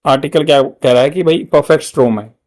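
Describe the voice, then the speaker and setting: A man with an Indian accent teaching English grammar for exam prep, repeating words slowly to drill pronunciation. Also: fairly high pitch, darkish tone.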